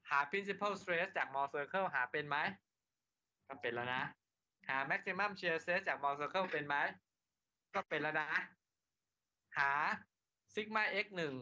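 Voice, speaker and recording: A man with a bright, forceful voice, a little higher than most men, gives a university engineering lecture. He keeps asking his class questions and answering them himself. The recording sounds dull and lo-fi. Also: takes it slowly, pauses often. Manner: asks students rhetorical questions, then answers them himself.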